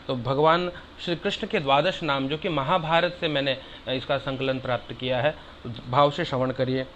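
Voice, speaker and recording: A man's voice: mid-range voice, steady tone, muffled recording, a little hiss or hum. A man giving a devotional discourse, explaining sacred verses in plain speech and calling his listeners brother. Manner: chants Sanskrit verses slowly and loudly between plain explanation; addresses listeners warmly as brother. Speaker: religious teacher.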